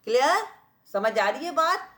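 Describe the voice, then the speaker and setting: Slow, patient woman teacher. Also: high voice, very animated, a bit bright. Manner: keeps checking understanding with "clear?" and "right?"; repeats and spells out words slowly while writing. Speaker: school teacher. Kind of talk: blackboard grammar lesson for children.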